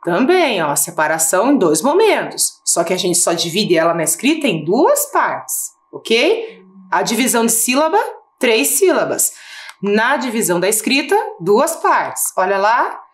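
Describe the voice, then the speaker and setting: A woman teacher with a Brazilian Portuguese accent giving a recorded lesson for schoolchildren, asking questions and slowing down to spell out syllables. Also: mid-range voice, big pitch swings. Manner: patient, rising question-and-answer tone, slows to spell out syllables.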